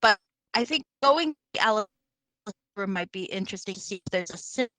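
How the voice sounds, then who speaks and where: A woman's voice: mid-range voice, lively intonation, brisk, sharp tone. A woman playing a tabletop game over a video call, her audio choppy and breaking up as she thinks aloud, hesitant. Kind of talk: casual online tabletop play.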